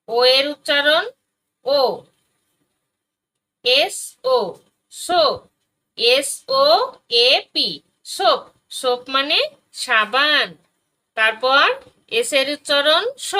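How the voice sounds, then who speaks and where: A woman teaching a phonics lesson for young children, spelling out letters and sounds one by one with patient, deliberate delivery. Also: sits high, pushed and bright, rough recording.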